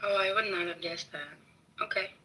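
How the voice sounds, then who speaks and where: A woman's voice: mid-range voice, steady tone, fairly quick, pushed and bright, rough recording. A woman in her thirties chatting casually and teasing her friends on a group livestream. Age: 30s. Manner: teasing, joking. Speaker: livestream participant.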